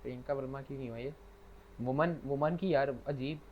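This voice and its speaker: On a remote internet call, a male podcast co-host chats casually and recites couplets. His mid-range voice keeps a fairly even intonation at a normal speed. The online audio sounds dull and lo-fi, with faint noise.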